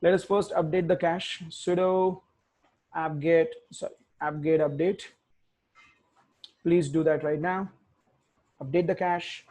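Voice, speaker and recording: A man's voice: on the high side, fairly even intonation, slow pace, pauses often, a little mellow. A man teaching a live coding tutorial, thinking aloud and correcting himself as he types commands. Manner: thinks aloud, self-correcting, mutters while typing. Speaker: tech instructor.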